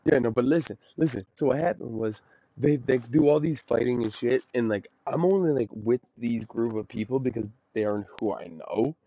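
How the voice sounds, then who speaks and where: A man's voice: medium pitch, fairly quick, gravelly. A young man from Ontario, Canada, chatting over a phone mic while gaming, telling rambling, profane stories that he keeps restarting. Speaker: gamer chatting with a friend. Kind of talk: casual gaming chat, storytelling. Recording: dull lo-fi voice chat.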